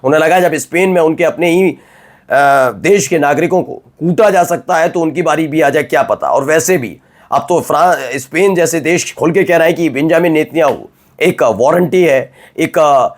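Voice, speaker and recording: Emphatic male news anchor, slightly high. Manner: emphatic, rhetorical questions to viewers. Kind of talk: conversational news presenting.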